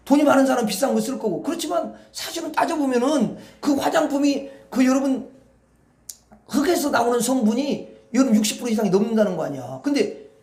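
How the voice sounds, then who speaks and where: Male pastor, very high voice, folksy rambling sermon, echoey hall. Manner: animated, folksy, rambling, addresses congregation.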